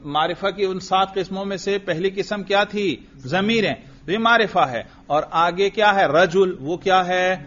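A male teacher drilling a student on grammar, asking short questions, repeating the answers and praising briskly. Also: high-pitched, a bit bright. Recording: muffled lo-fi recording.

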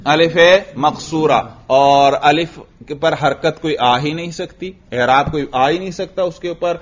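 Man teaching Arabic grammar, questioning students. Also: on the high side. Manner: asks students questions and answers them himself; draws out the Arabic example words slowly. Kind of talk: classroom lesson. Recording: dull lo-fi recording.

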